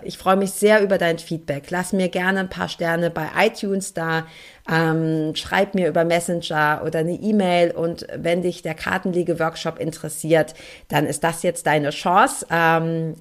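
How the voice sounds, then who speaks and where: A young adult woman hosting a solo spiritual podcast, talking earnestly and emphatically straight to her listeners as a coach. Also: low voice. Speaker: podcast host and card-reading coach.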